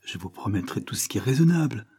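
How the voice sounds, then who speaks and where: A man reading aloud, voicing a gentle, dignified husband who speaks gravely to his wife. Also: fairly low pitch, sing-song, quick pace, exaggerated voice. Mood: earnest.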